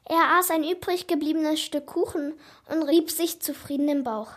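A woman narrating a children's story in an animated, dramatic first-person telling. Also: high voice, moderate pace.

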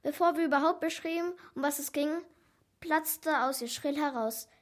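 A woman narrating a children's story in an animated, dramatic first-person telling. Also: high-pitched, normal speed.

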